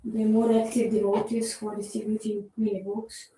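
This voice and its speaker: A woman from the audience asking a question haltingly, searching for words, heard far off in a hall. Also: mid-range voice, little pitch movement, mellow. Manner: halting, searching for words, non-native phrasing. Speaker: seminar participant asking a question. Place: seminar hall. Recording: distant, very echoey hall with faint noise.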